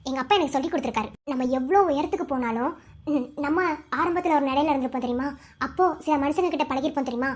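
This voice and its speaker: A young cartoon bride voiced by a woman with a Madurai Tamil accent, talking high and fast. She is frank and chatty, and slips into lecturing her friends. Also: lightly acted. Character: newly married young woman, frank and weary.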